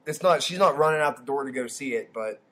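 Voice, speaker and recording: A man's voice: medium pitch, animated, quick pace, bright, forceful tone. A young man co-hosting a podcast, telling stories in a loose, rambling way full of fillers and restarts. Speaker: podcast co-host. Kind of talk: casual chat.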